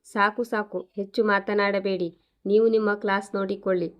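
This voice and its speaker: A woman's voice: mid-range voice, little pitch movement, moderate pace, lightly acted. A woman voicing a stern, scornful male schoolteacher who scolds and dismisses in a story reading. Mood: dismissive.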